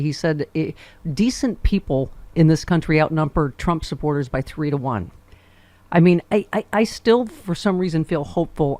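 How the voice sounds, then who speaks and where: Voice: medium pitch, a little mellow, no room sound. A show host asking questions in an earnest, agreeable way during a conversational interview. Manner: earnest, agreeable, frequent "yeah".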